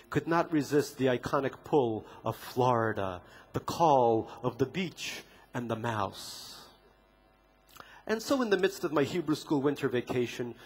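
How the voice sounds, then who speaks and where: On a festival stage before an audience, a man reads aloud from his own memoir at a literature festival. His voice is husky and medium-pitched, and his delivery is dry and ironic, with deadpan humor and sharp comic timing.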